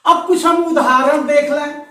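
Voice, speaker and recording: Male teacher, high voice, slow question-and-answer grammar lesson, echoey room, far from the mic. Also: steady tone, sharp tone. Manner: asks questions and answers them himself; dictates example sentences word by word.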